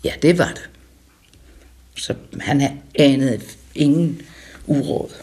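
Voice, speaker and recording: An older woman reminiscing about her childhood, pausing and correcting herself as she talks. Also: rumbling low, dark tone, husky. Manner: halting, correcting herself mid-sentence. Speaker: storyteller recalling childhood. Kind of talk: casual reminiscing.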